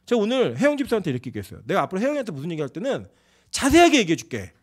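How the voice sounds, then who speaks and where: A man in his forties, a pastor, preaching a sermon in an animated, conversational way and acting out quoted exchanges. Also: high voice, rapid-fire. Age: 40s. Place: church sanctuary.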